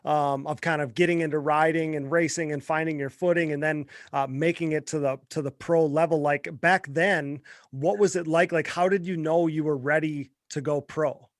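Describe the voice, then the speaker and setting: A male podcast host asks questions at an easy pace and chimes in with quick agreements. His voice is slightly high for a man. The sound is dry and close. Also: fairly even intonation, no room sound. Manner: easygoing interviewer with frequent short acknowledgements. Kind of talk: casual interview.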